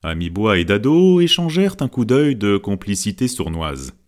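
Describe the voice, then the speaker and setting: A man narrating a novel chapter as an audiobook reader, with animated, expressive reading. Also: fairly low pitch, normal speed. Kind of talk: scripted narration.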